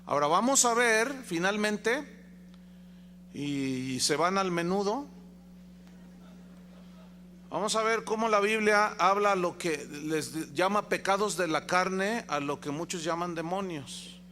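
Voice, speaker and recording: A man's voice: high voice, lively intonation, slow pace, bright, forceful tone, a little hiss or hum. A male pastor with a Mexican accent preaching a sermon, emphatic and full of rhetorical questions to the congregation. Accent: Mexican Spanish.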